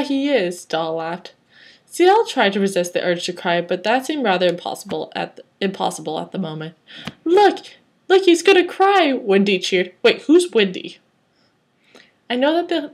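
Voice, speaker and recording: A woman reading fanfiction aloud, breaking off into chatty, wry commentary. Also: mid-range voice. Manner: chatty, rambling asides, wry. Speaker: reader.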